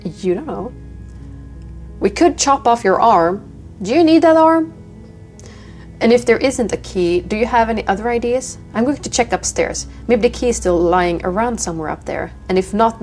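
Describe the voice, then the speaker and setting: A woman with a mid-pitched voice chats casually as she plays a game. She reacts in an informal let's play style. Light game music runs behind her. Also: moderate pace, a little mellow. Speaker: gamer playing and reacting.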